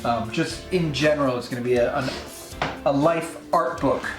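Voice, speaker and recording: A man's voice: mid-range voice, moderate pace, echoey room, over loud music. Chatty man narrating a garage project. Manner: chatty and self-deprecating, explains steps as he works. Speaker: host of a DIY project channel. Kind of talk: casual workshop vlog narration. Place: home garage workshop.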